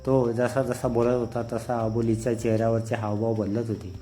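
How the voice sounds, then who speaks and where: A male storyteller reads a scripted tale at a steady, unhurried pace. His voice is dark and mellow and stays flat and even. Soft music plays faintly behind him. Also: medium pitch.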